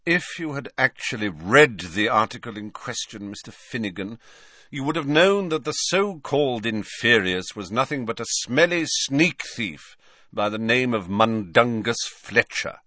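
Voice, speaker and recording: A man's voice: medium pitch, lively intonation, a little slow, pushed and bright, dry recording, clean studio sound. A man voicing a cold, sneering male teacher with a bored, mocking drawl.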